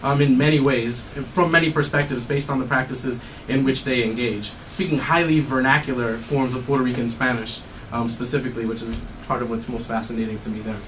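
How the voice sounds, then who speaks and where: A man's voice: medium pitch, steady tone, fairly quick. A man, an anthropology professor, answering audience questions in a thoughtful way with many fillers and restarts. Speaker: anthropology professor giving a talk. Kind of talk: academic Q&A answers. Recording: distant mic, faint noise.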